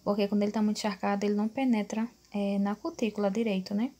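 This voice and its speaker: Speaking fast in a mellow, mid-range voice with little pitch movement, this woman in her thirties from Brazil walks her viewers through her hair routine. She's a chatty beauty vlogger filming indoors in a small home bedroom, addressing everyone as "gente," sprinkling in "né," and repeatedly asking whether they agree.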